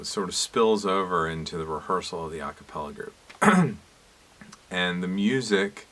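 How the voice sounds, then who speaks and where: A middle-aged man, teaching a cappella singers in a relaxed, conversational way with many fillers. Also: low-pitched. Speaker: a cappella instructor. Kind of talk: casual teaching monologue.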